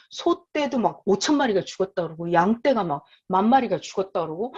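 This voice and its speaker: A woman's voice: medium pitch, husky. A woman preaching a sermon, retelling a Bible story with acted-out dialogue, repeating key phrases and putting questions to her listeners. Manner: animated storytelling, acting out quoted dialogue. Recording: dull lo-fi sound.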